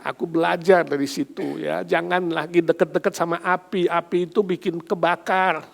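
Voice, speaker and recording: Animated man preaching a sermon, higher voice. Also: normal speed, gravelly. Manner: animated, swings between loud emphatic build-ups and soft low asides; mixes casual speech and English phrases into preaching. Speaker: pastor. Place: church sanctuary.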